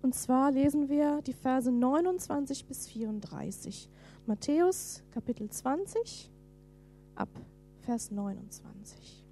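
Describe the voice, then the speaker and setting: A woman preaching a sermon, lively and dramatic as she reads scripture aloud, at times falling to a whisper. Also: high-pitched, takes it slowly, faint music behind.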